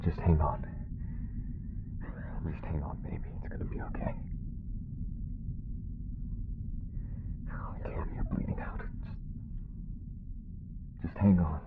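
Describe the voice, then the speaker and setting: Urgent and worried, a man playing a gruff alien smuggler in an intimate audio roleplay speaks tenderly and haltingly, often hushed, with a deep gravelly voice. The sound is phone-quality with slight background noise.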